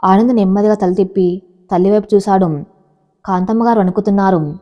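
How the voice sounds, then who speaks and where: A woman storyteller narrating an audio story with a dramatic, measured reading. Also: mid-range voice, steady tone, in a large hall, dull audio.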